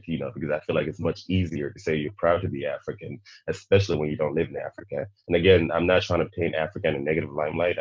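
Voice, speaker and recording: A man born in Nigeria, hosting a panel discussion and speaking in a measured, reflective way. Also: very deep voice, a little mellow, breathy edge, no room sound, dull audio. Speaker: podcast host.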